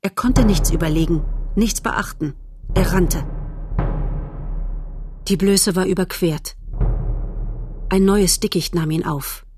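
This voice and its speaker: A woman reads a storybook aloud in a measured, unhurried way. Her voice sits a little low for a woman. Faint music plays quietly beneath her narration. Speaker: audiobook narrator.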